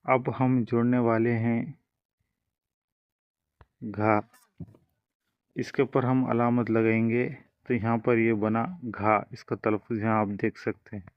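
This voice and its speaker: A man's voice: medium pitch, level tone, slow pace, pauses often, smooth, dry recording, highs cut off. A man teaching a language lesson, explaining each step patiently and drawing out the example sounds.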